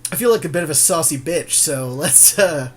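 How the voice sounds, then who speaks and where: A man with a high-leaning, expressive voice talks at normal speed as he co-hosts a podcast among friends, casually narrating his card game draft picks with jokes and profanity.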